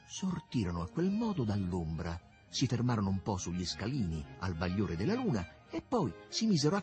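A man narrating a literary novel with an expressive, swooping storytelling delivery. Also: mid-range voice.

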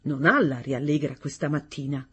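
A woman voicing a gallant male singing teacher who coaxes his pupils with fervour, her voice breathy. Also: low voice, steady tone, fairly quick, lo-fi sound, voice pushed down. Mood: gentle. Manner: fervent, coaxing.

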